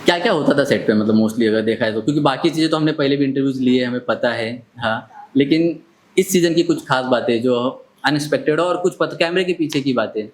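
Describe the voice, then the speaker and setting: Casting: mid-pitched male host, relaxed, casual, long questions. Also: brisk, slight background noise. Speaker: interviewer host.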